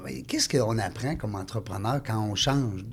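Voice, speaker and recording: A man with a Quebec French accent hosting an interview, prodding his guest with quick questions and short interjections. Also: on the low side, creaky, slightly rough. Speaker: host. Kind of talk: casual interview.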